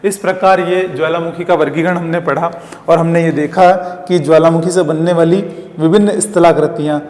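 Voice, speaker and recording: A man's voice: fairly high pitch, fairly even intonation, brisk, a little mellow. A man teaching geography as a classroom lecture, explaining step by step and answering his own questions while drawing diagrams. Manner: draws diagrams while talking. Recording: echoey, reverberant room.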